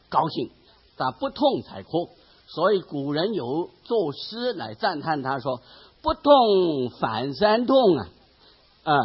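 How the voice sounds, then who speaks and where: A man, a Buddhist monk, giving a dharma lecture, telling stories in a drawn-out way and often trailing off with soft particles. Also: high voice, husky. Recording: dull lo-fi lecture recording.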